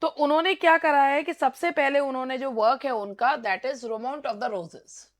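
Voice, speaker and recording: A woman teaching English literature in an exam-prep lecture, mixing Hindi and English and repeating key terms slowly. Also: high-pitched.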